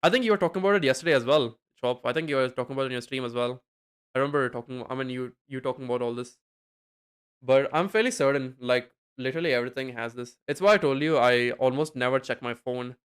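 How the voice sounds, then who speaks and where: This young man's voice is clear, smooth and middle-pitched as he talks quickly to his stream chat from a desk mic at home. His delivery is loose and rambling, peppered with fillers and swear words, like a casual streamer.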